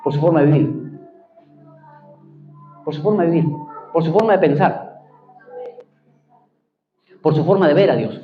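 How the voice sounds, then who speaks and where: A man's voice: a little high, a little slow, pauses often, muffled recording, soft background music. A man with an Argentine accent preaching a sermon as pastor, emphatic, repeating key phrases and calling for amens. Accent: Argentine Spanish.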